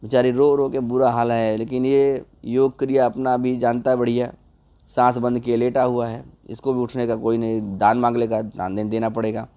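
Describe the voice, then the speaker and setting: Male storyteller, comic folk tale, conversational, mid-pitched voice. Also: flat delivery, moderate pace, warm tone. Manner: loose, conversational retelling.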